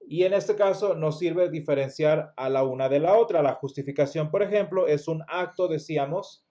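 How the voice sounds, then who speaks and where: A man teaches a Sunday school Bible lesson at church, explaining patiently and posing rhetorical questions to the class while often restarting words. His voice is fairly high-pitched with a dark tone, at a normal speed.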